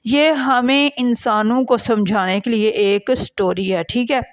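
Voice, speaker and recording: A woman's voice: on the high side, a little slow, no echo. Chatty Punjabi-accented woman telling a story. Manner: chatty, with frequent "hmm?" and filler "na". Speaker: vlogger. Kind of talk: casual storytelling while cooking.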